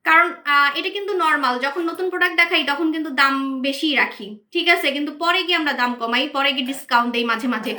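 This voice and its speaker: A woman hosting a live-stream sales pitch for beauty products, hyped and repetitive, answering viewer comments as she goes. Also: fast talker, pushed and bright. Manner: repetitive, hyped, keeps saying "okay". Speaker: online shop host selling beauty products.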